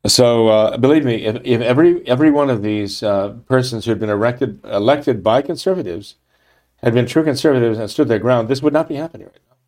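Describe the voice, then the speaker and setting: A man's voice: medium pitch, a little fast, darkish tone. A man giving a political commentary monologue, reading from a news article and reacting indignantly, with frequent restarts and tag questions. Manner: emphatic, indignant, with frequent restarts and "okay? right?" tags.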